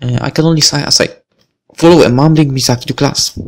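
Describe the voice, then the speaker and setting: Gravelly-voiced man doing game commentary. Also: fast talker. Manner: chatty and rambling, with lively pitch swings. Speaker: game streamer. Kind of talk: casual let's-play commentary.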